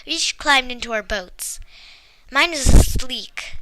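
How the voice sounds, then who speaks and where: A woman reading a story aloud with lively expression and small slips. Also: high voice, slow, noisy background. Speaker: story reader.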